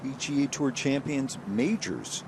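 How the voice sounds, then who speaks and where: A man calls golf play-by-play in brief phrases. His voice is of average pitch, with clearly audible outdoor noise behind it. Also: animated, unhurried. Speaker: golf commentator. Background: outdoor ambience.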